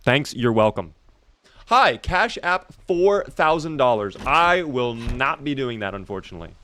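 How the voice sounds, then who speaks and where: Unhurried yet forceful, his medium-pitched voice has a bright, sing-song quality. He's streaming gameplay and chatting easily with his audience, answering their messages despite a recently strained voice.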